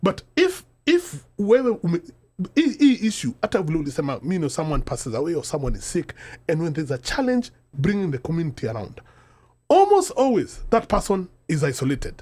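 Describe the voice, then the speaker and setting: A middle-aged Kenyan man with a husky voice speaks fast with lively pitch, switching mid-sentence between English and Sheng Swahili. Described as both panel guest and podcast host, he argues through rhetorical questions in an animated panel discussion. His manner is emphatic and full of storytelling.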